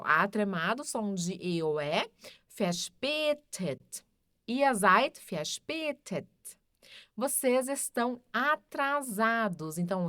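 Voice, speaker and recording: Slow, patient Brazilian woman teaching. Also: medium pitch, a bit bright, no room sound, studio quality. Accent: Brazilian Portuguese. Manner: patient, repeats example sentences slowly. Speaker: German teacher. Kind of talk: grammar lesson explanation.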